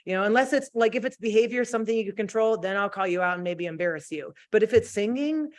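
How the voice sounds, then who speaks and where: A woman's voice: medium pitch, fast talker. Playful woman teacher on a video call. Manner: animated, playful, laughs often. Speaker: guest, middle school choir teacher. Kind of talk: casual video-call chat.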